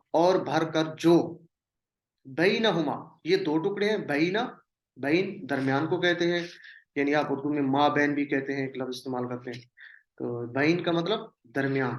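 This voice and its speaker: A patient male teacher with a slightly high voice, repeating each word and its meaning so students can drill along. He slips English terms into his explanation, and his voice rings in an echoey room. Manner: mixes English words into the explanation. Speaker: Quranic Arabic teacher. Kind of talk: classroom lesson.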